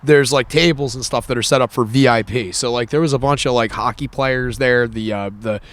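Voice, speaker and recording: A young man in the middle of a loose podcast chat, telling a story with "like" in nearly every breath. He swears casually, restarts his sentences and wanders through the details at an easy, conversational pitch. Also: fairly quick. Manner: rambling, heavy filler words, casual swearing. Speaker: podcast co-host.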